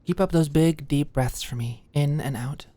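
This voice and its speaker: A young adult woman with a low, dark voice plays a nervous, awkward medical student in an ASMR roleplay, an intimate scripted one-sided dialogue. She is careful and attentive but hesitant, easily flustered, and trips over her words at a moderate pace. The close studio-style mic sounds very dry, with no echo.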